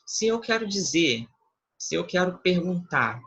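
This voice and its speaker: A man with a Brazilian Portuguese accent, explaining English grammar in a slow, patient lesson and checking often that students follow. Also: high voice, big pitch swings, bright, forceful tone, breathy edge, rough recording. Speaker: English teacher. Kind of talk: online class explanation.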